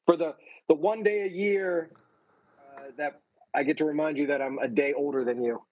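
A man's voice: on the high side, normal speed, a little mellow, highs cut off. A male podcast co-host chatting casually and jokily into earbuds, often searching for his words. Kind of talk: casual chat. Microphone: wireless earbuds with a tablet. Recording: earbud microphone.

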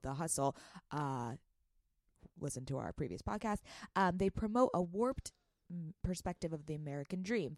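A woman's voice: low voice, darkish tone, no echo. A woman co-hosting a podcast in a casual, chatty style. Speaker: podcast co-host. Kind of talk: casual chat.

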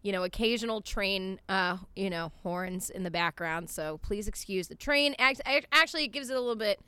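A woman's voice: mid-range voice, fairly quick, bright, forceful tone, clear, resonant tone, no room sound. A woman co-hosting a casual podcast from a backyard, chatting informally with some swearing. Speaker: podcast co-host. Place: outdoors in a backyard.

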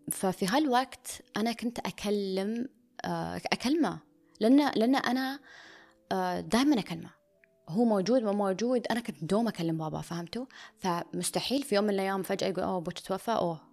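A woman's voice: medium pitch, a little mellow. A woman speaking in an intimate, confessional way, often dropping to a near whisper and slipping into English phrases. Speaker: vlogger. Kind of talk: personal confessional monologue.

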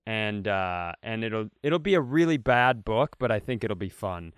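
A man with a lowish voice and lively intonation co-hosts a comedy podcast, riffing, telling stories, and doing playful bits in a casual way. He talks a little slowly and smoothly, and the studio-quality recording is dry.

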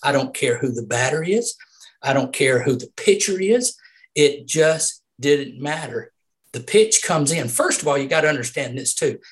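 A man's voice: medium pitch, lively intonation, moderate pace. Emphatic Southern man, laughing often. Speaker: retired umpire, podcast guest. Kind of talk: casual interview chat.

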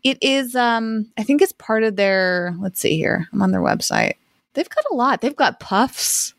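A woman's voice: fairly high pitch, a little slow, creaky, dry recording, clean studio sound. Chatty woman podcast co-host. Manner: chatty, musing, animated asides. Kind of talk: casual chat.

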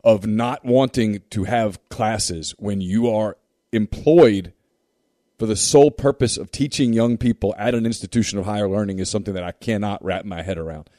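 Rambling, animated man host. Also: fairly low pitch, moderate pace, no room sound, studio quality. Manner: rambling, repeats words when excited. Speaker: podcast host. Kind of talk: casual interview chat.

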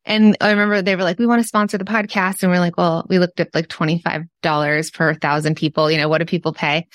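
A woman's voice: sits low, little pitch movement, fast, dry recording, studio quality. A woman with a Californian Valley Girl accent, chatting candidly and informally as a podcast guest. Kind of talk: casual interview chat.

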